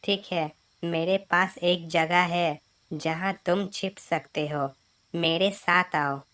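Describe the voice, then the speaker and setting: A woman voicing a kind, caring young bird in a children's cartoon, gentle and reassuring. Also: fairly low pitch, steady tone, slow. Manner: gentle, reassuring, stammers when nervous.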